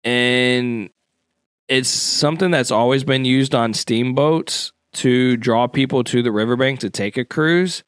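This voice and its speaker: A man's voice: mid-range voice, measured pace, a bit bright, smooth, no echo, studio quality. A man co-hosting a casual local podcast, laid-back and full of slang and fillers as he explains history. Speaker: podcast co-host.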